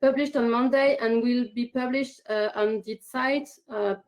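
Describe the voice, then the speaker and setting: A woman's voice: on the high side, steady tone, a little slow. A woman speaking broken English at an online conference, hesitant and often searching for words. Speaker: campaigner presenting a petition. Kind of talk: prepared remarks at an online conference.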